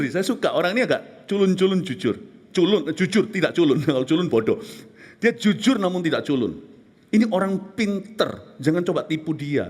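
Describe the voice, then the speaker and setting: A man preaching a passionate sermon, moving between raised exclamations and hushed, whispered moments. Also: a little high. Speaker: pastor.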